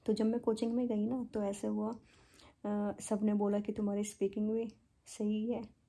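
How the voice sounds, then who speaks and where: A young woman from India chats through a personal story in a casual vlog, her speech full of fillers and English words. Her voice is very dark and mellow with a husky grain. She keeps her pitch quite flat. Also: normal speed. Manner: chatty, many fillers, mixes in English words. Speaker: vlogger.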